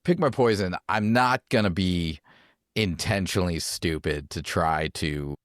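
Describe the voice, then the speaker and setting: A man's voice: deep voice, a little slow, dry recording, clean studio sound. A man co-hosting a wine podcast, chatting casually and rambling with many fillers. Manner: rambling, filler-heavy, uses many likes. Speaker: podcast co-host. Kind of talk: casual chat.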